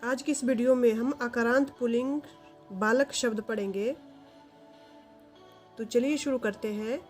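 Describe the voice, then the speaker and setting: A woman teaching a grammar lesson to viewers, reciting word forms in slow, steady lists. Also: a little high, soft background music.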